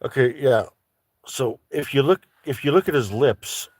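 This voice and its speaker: A man's voice: medium pitch, unhurried, a little mellow. A man vlogging from his vehicle on private land before dawn, rambling casually and swearing as he talks to his dogs. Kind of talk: casual chat while driving.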